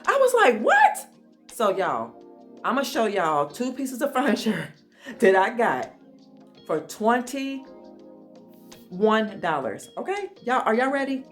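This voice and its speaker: Excited chatty woman vlogger. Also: on the high side, slow pace, long pauses, soft background music. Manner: excited, chatty, addresses viewers as y'all. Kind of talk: casual chat. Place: home office.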